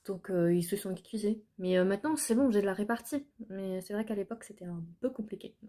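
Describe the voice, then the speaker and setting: A woman's voice: mid-range voice, fast talker, mellow. Hesitant young woman telling her story. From France. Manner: earnest, hesitant, many filler sounds and restarts. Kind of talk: personal storytelling to camera.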